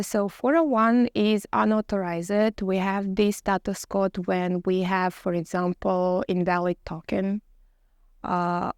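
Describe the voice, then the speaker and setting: Nervous, formal woman interviewee with creaky voice. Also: mid-range voice, no echo, studio quality. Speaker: job interview candidate. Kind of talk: mock technical job interview answers.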